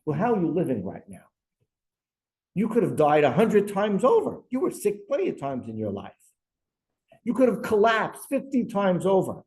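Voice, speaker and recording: A man's voice: high voice, huge pitch swings, moderate pace, a little mellow, rough recording. A man, a rabbi, giving a Torah class lecture. He speaks emphatically, asks rhetorical questions and weaves Hebrew verses into his English explanation.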